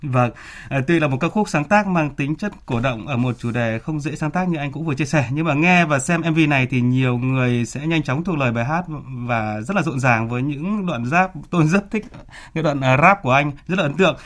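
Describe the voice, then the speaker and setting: A man's voice: on the high side, brisk. Male radio host speaking through face mask. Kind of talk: radio talk show interviewing guests.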